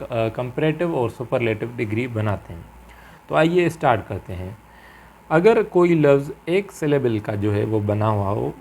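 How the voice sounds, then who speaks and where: Man teaching grammar, talks slow, lots of fillers and restarts, bit of noise behind. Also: mid-range voice, a little mellow. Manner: halting, many fillers and repeated phrases; mixes English terms into Urdu-flavoured Hindi. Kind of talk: grammar lecture.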